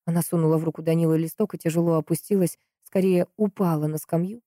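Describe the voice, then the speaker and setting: A woman narrating an audiobook in a steady, even way. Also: low-pitched, quick pace, no room sound, studio quality.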